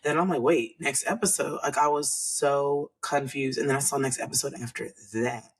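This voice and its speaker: A man's voice: medium pitch, fairly even intonation, a little fast. A man co-hosting a podcast, talking in a casual, rambling way with frequent restarts. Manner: rambling, hesitant, restarts often. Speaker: podcast co-host. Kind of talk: casual chat.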